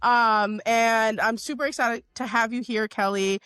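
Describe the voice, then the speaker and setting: A woman hosting a casual podcast chat, a bit hoarse, talking in a chatty, upbeat way with lots of fillers. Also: a little high, steady tone, measured pace, fairly bright tone, dry recording, soft background music. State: hoarse, under the weather. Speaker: podcast host.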